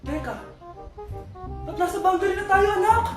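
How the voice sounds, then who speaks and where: A woman's voice: very high-pitched, lively intonation, moderate pace, distant mic. A woman playing a scolding Filipino mother, with a Filipino accent. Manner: nagging, scolding. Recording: echoey room with music behind.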